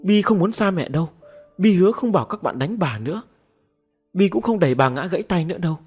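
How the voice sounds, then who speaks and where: A sulky little ghost girl, as a man puts her on for an audio story, high and childish, pleading through tears. The voice is husky and swings wildly up and down. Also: lively intonation, brisk, darkish tone, soft background music. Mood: tearful.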